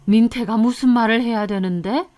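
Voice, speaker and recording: A woman's voice: on the high side, normal speed, darkish tone, natural voice. A woman voicing an angry older mother-in-law in an audiobook story, scolding in indignant outbursts. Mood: probing. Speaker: narrated story character.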